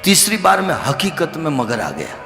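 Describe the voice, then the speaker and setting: A man giving an animated devotional scripture discourse as a religious storyteller, sometimes rising to loud exclamations. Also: on the high side, normal speed, gravelly, reverberant, in a large hall, music in the background. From Rajasthan, India.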